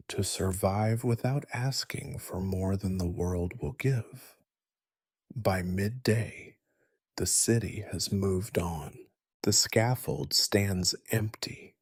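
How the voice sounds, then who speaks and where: A man in a soft, breathy whisper, narrating a calm sleep story in slow, measured phrases. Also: fairly low pitch, no echo, clean studio sound.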